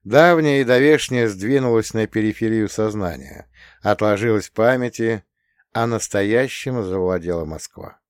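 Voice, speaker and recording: A man narrating a novel in the first person, in an expressive storytelling manner. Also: lowish voice, moderate pace, smooth, no room sound, studio quality. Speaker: audiobook narrator. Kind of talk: scripted narration.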